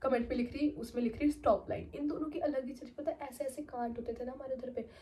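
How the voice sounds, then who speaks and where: A young woman chatting casually as a vlogger, telling an animated storytime tale. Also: high-pitched, quick pace, a little hiss or hum. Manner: animated, slips into quoted voices.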